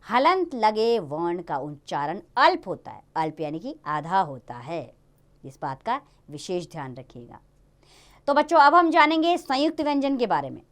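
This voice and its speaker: A woman teaching a Hindi grammar lesson to young children in a lively, sing-song way. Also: mid-range voice, normal speed.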